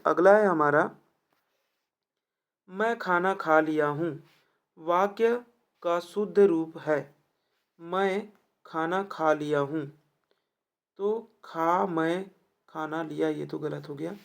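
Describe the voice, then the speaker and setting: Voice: medium pitch, gravelly. A teacher going through exam questions for students, who keeps asking rhetorical check-in questions and repeats each answer. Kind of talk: explaining test questions to students.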